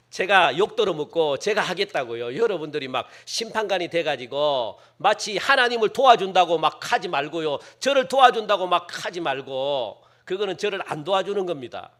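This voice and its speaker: A middle-aged male pastor giving a lively sermon. He keeps checking in with the congregation and acts out the people he quotes. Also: a little high. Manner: lively, conversational preaching with frequent rhetorical "예?" and "어?"; acts out quoted speakers in shifting voices.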